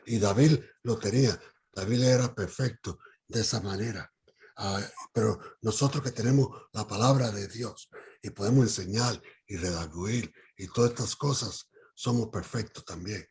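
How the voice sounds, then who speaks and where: A man leading a Bible study. He speaks haltingly, with many fillers and restarts, and puts questions to the group. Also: on the low side, a little mellow, slightly rough.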